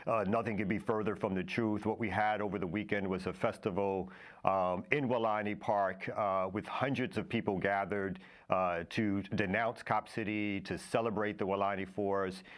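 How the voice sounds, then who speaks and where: Male interview guest, community organizer, lowish voice, measured delivery with hesitant pauses. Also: fairly even intonation. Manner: deliberate, hesitant pauses between phrases. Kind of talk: broadcast interview answer.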